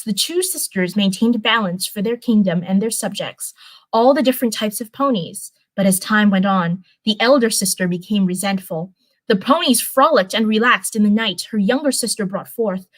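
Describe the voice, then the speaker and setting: A young woman with a medium-pitched voice hosts a livestream, reading fan fiction aloud and chatting casually. Her delivery is rambling and informal, full of self-corrections.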